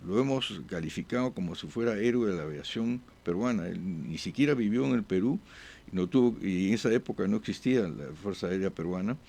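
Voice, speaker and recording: A man speaking as a diplomat guest in an interview, with halting answers full of "eh" pauses and restarts. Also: fairly low pitch, lively intonation, vocal fry, warm tone. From born abroad.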